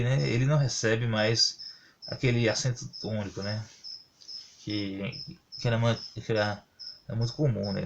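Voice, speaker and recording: Male teacher, casual and halting explainer, mid-pitched, faint crickets behind. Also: a little hiss or hum. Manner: halting, many fillers and self-corrections, explains with examples. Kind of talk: casual spoken grammar lesson.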